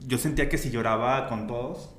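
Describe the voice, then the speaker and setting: A man with a Mexican accent appears as an interview guest, sharing personal stories in casual chat full of slang and sprinkled with "güey." His medium-pitched voice is fairly quick and fairly bright, and the recording has a roomy echo with faint ambience and slight background noise.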